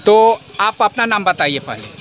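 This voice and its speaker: Guy doing a field report outdoors, really high bright voice, talks formal then slips into local dialect. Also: big pitch swings, unhurried, slight background noise. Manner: switches between formal Hindi and village dialect. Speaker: channel reporter. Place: outdoors on a village embankment.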